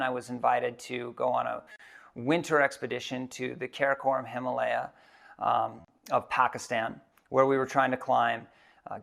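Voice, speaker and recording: A man in his thirties giving a reflective personal storytelling talk as a keynote speaker, halting often with fillers. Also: mid-range voice, creaky, a bit bright.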